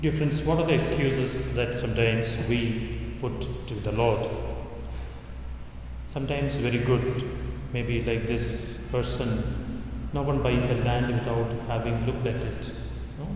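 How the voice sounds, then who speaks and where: A male priest reading scripture and preaching at Mass in a solemn, measured liturgical way, his voice ringing with cathedral echo in a large church. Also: medium pitch, little pitch movement, a little mellow. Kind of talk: Gospel reading and sermon. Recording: cathedral echo, long reverb, faint noise.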